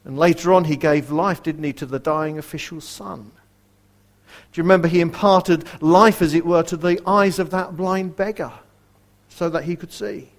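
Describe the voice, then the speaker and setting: Earnest preacher man, slightly high voice. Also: normal speed. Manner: earnest, asks the congregation direct questions; varies loudness widely, dropping to a near whisper for quoted verses. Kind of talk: sermon.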